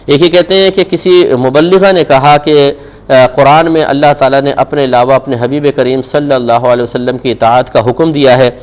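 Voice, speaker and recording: A man's voice: mid-range voice, fairly even intonation. A man with a Pakistani Urdu accent answering religious questions on a live TV show, speaking firmly and admonishingly with rhetorical questions.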